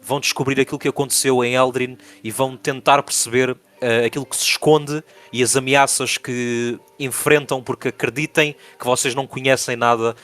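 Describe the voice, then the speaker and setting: A young man with a European Portuguese accent answers interview questions at a middling pitch. He speaks hesitantly, restarting his sentences and filling pauses with "eh" and "uh". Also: fairly bright tone. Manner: hesitant, many fillers and restarts. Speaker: project spokesperson.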